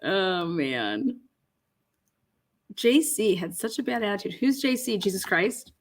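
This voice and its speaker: A woman's voice: mid-range voice, big pitch swings, slow. A woman co-hosting a casual livestream, reading viewer comments aloud, laughing often and swearing casually. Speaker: livestream co-host.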